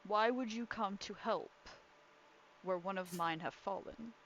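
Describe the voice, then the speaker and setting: A woman's voice: mid-range voice, measured pace, natural voice. Woman voicing a solemn male forest god, muffled hiss. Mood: solemn, probing. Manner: solemn, questioning, commanding. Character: stern, imposing god of animals and forest lord, male. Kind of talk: tabletop game role-play.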